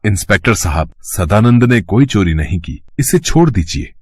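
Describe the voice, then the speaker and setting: A humble old cartoon priest with a husky, low voice that swings up and down a lot. He speaks with earnest devotion. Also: animated, normal speed, darkish tone. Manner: devout, earnest. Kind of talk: cartoon voice acting.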